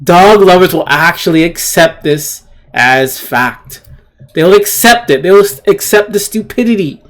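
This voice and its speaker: This video commentator has an expressive, medium-pitched voice and a measured pace. The clip is an opinionated, indignant rant commenting on shared screen clips, with phrases emphatically repeated and rhetorical questions asked.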